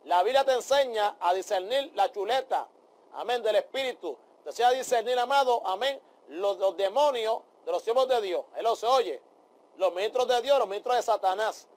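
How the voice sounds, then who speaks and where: A man's voice: sits high, normal speed, darkish tone. A man teaching a Bible study, fervent and peppering his talk with amén and aleluya as he addresses his brothers. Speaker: preacher.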